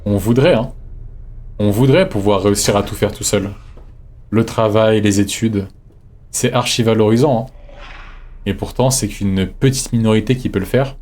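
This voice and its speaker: A man streaming a game live, thinking aloud in a relaxed, reflective way as he chats with his viewers. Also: on the low side, moderate pace, long pauses, slight background noise. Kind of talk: live gameplay commentary, chatting with viewers.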